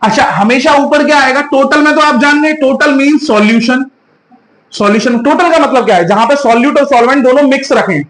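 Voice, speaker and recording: A man teaching a chemistry class in with terms. He asks the students questions and answers them himself, and stretches out key terms slowly. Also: extremely high pitch, a bit bright, reverberant, poor audio. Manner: drawn-out, slow spelling of key terms. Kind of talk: online class lecture.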